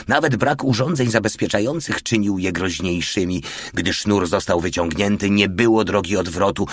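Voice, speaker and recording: A man narrating a war novel in a measured, steady audiobook reading. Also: low voice, husky, no room sound, clean studio sound.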